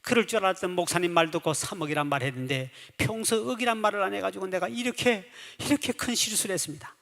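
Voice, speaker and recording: A man voicing a timid, apologetic middle-aged deaconess, pleading quietly and sheepishly in a long-reverb church hall. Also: sits high, fast, creaky.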